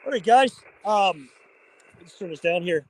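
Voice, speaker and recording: A man's voice: high-pitched, lively intonation, measured pace, low-quality recording. A man hosting an informal amateur radio vlog, mixing chatty remarks with phonetic callsign calls. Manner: informal, chatty, addresses viewers as guys. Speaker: amateur radio operator, host.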